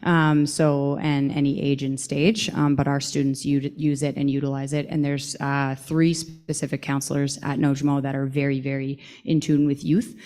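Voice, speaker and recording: Low, even-voiced woman presenting haltingly. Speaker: conference presenter. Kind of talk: informal spoken presentation.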